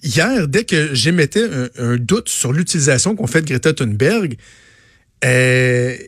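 A man's voice: medium pitch, lively intonation, a little slow, a bit bright, slightly rough, dry recording, studio quality. A man with a Quebec French accent, co-hosting a radio show and bantering casually, joking and telling stories. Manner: joking storyteller, bursts into put-on voices. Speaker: radio co-host.

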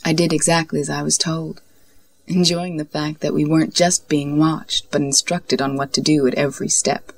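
Low, husky woman reading softly. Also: little pitch movement. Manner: soft, slow, breathy delivery, often near a whisper. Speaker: story narrator. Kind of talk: intimate scripted story reading.

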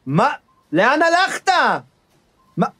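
An actor playing a flustered, insecure male director who stammers and whose voice climbs high when he gets upset, in a scripted comedy audio drama. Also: animated. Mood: pleading.

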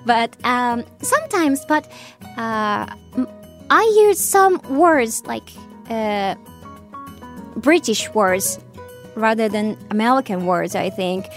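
A Japanese woman hosting a radio show chats casually, moving between Japanese-accented English and Japanese. Her fairly high, expressive voice is very slow, with long pauses as she searches for words and uses many fillers. Soft music plays in the background.

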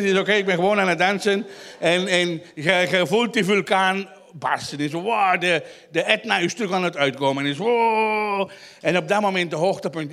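A young Flemish man with a high-pitched voice performs live stand-up in a tent show, teasing people in the front row with wild, drawn-out shouting.

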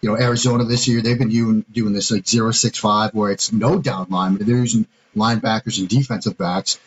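A man's voice: on the low side, fairly even intonation, brisk, a little hiss or hum, poor audio. A man co-hosting a sports podcast, talking through defensive schemes step by step in a casual, analytical way. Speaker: podcast co-host, football analyst.

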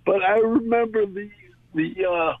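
An older man calling in to a radio show over the phone, talking in a rambling, halting way. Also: high-pitched, fairly even intonation, no echo. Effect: heard over the phone. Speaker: caller. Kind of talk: casual call-in chat. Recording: tinny phone line.

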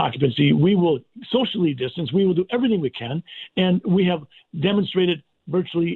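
An American man giving earnest, deliberate and emphatic answers as a radio interview guest, in formal wording. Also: high voice, expressive, gravelly, breathy edge. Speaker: interview guest, doctor and politician. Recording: tinny phone-like line.

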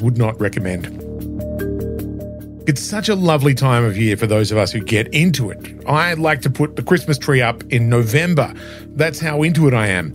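A man with a hoarse, scratchy voice hosts a podcast in a conversational, narrated style. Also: medium pitch. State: hoarse, scratchy voice after flu. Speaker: podcast host.

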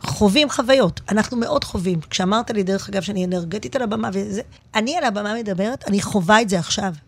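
A woman comedian chatting as a guest in a radio studio, telling stories in an animated, expressive way. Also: medium pitch, slightly rough. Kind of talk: casual interview chat.

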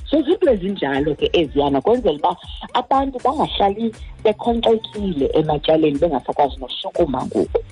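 A woman's voice: lowish voice, big pitch swings, fast, a little mellow, slightly rough, soft background music, rough recording. South African Xhosa woman explaining on radio. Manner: code-switches into English phrases. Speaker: consumer credit ombud representative.

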